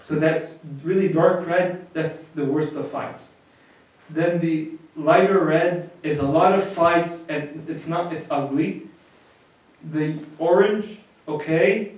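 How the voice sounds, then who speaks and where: A priest with a fairly high voice gives a marriage lecture in a plain, conversational way, restarting and repeating words as he goes. He is heard from well off the mic, and his voice bounces around a very echoey room. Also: takes it slowly, distant mic. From United States.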